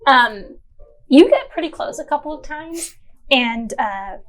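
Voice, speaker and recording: A woman's voice: sits high, expressive, a little slow, a bit bright, poor audio. A woman running a tabletop game as game master, narrating in a loose, chatty way with many fillers.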